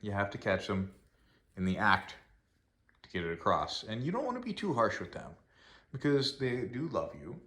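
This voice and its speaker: Low-voiced man explaining dog training. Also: big pitch swings, normal speed, pauses often, sharp tone. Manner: chatty, explains with rambling restarts; baby talk to his dogs. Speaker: dog owner vlogger. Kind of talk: casual talk to camera.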